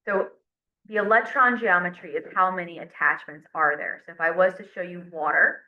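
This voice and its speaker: A woman's voice: lowish voice, brisk. Woman teaching chemistry in an echoey classroom. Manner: explains step by step, counts aloud. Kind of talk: classroom lecture. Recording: roomy, dull lo-fi classroom recording.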